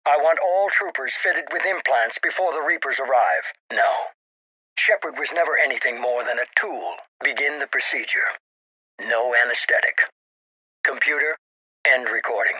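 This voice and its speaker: A shadowy game mastermind in middle age, with a husky voice that swings widely in pitch. He is cold and calculating, giving orders with deliberate authority. The sound is close and dry. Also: lively intonation, bright, forceful tone, dry recording, exaggerated voice, poor audio. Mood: cold, commanding. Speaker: head of a secret organisation. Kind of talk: dramatic video game voice acting.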